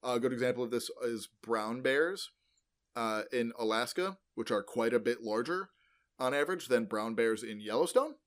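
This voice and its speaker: A man co-hosting a podcast, explaining things in a loose, informal way and filling pauses with many ums, uhs and likes. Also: mid-range voice, lively intonation. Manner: rambling, many ums and uhs, self-correcting; loose and informal, uses "like" often. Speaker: podcast co-host explaining paleontology. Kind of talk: casual educational podcast chat.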